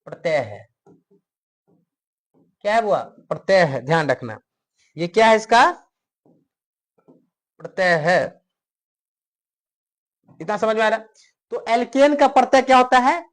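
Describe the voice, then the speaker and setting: A man's voice: high voice, big pitch swings, takes it slowly, pauses often. Male teacher drilling a class. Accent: Hindi-speaking north Indian. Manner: repetitive question-and-answer drilling; answers his own questions for the class. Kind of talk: classroom lecture.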